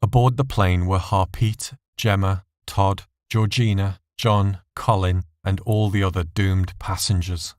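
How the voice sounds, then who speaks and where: A man reading scripted narration of a dark audio story as its narrator. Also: low voice, fairly even intonation, unhurried, few pauses, no echo, studio quality.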